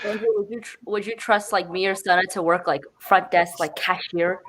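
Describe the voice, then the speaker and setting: A woman's voice: on the low side, steady tone, moderate pace, crowd noise. A woman co-hosting a fundraiser livestream over a video call, chatty and giggly as she reads donations and trivia. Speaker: fundraiser co-host reading trivia. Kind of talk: casual livestream chat.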